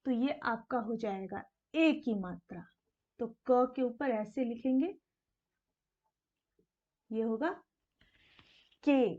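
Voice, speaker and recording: A woman's voice: sits high, mellow, lo-fi sound. A woman teaching a basic language lesson, patiently repeating each sound and asking questions she then answers herself. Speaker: Hindi teacher. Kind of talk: slow explanatory lesson.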